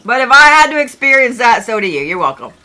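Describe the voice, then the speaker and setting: A woman's voice: fairly high pitch, big pitch swings, quick pace, sharp tone. A middle-aged woman hosting an astrology livestream, chatting casually and joking with viewers, with the odd swear word.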